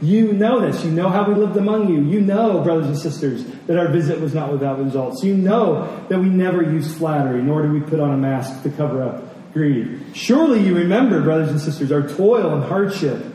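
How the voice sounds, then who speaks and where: Heard from a distant microphone in a very echoey hall, a man delivers a sermon at a church service with a high, mellow voice. He returns to key phrases on purpose and drives his points home with questions, while faint noise sits underneath the heavy reverberation of the large room.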